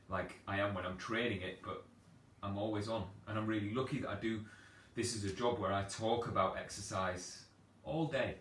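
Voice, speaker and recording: A man's voice: lowish voice, fairly bright tone. A man working as a personal trainer, giving rambling, chatty advice in a casual live Q&A from his sofa. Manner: rambling, chatty and self-deprecating. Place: at home on a sofa. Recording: echoey room, distant from mic, faint background noise.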